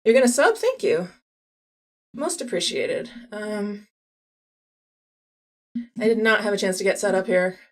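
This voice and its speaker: A woman's voice: mid-range voice, animated, unhurried, pauses often. A woman in her forties chatting casually with viewers on a live stream, laughing often and restarting her sentences. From California. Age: 40s. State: a little out of breath.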